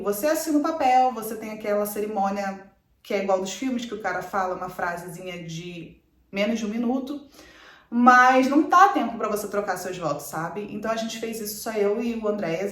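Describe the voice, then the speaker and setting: A woman in her twenties chatting quickly to camera, telling a personal story with lively asides. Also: medium pitch, roomy sound. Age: 20s. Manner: chatty, fast, animated retelling with quoted asides. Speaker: vlogger.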